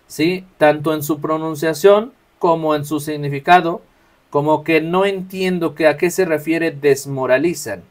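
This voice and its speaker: Man, patient step-by-step teacher, fairly high voice, workshop style. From Mexico. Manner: patient, explains step by step, checks in with "¿sí?". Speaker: lector trainer.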